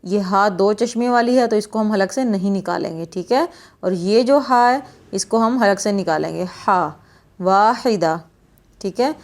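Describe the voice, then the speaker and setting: A woman teaching children Quran recitation in a lesson, patient and encouraging, drawing out the verses slowly and then explaining quickly. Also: medium pitch.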